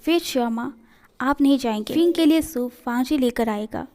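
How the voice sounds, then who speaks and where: A woman's voice: high-pitched, moderate pace, darkish tone, natural voice. A woman voicing a caring but firm mother in a read-aloud fan story. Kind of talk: storytelling in a fan fiction reading.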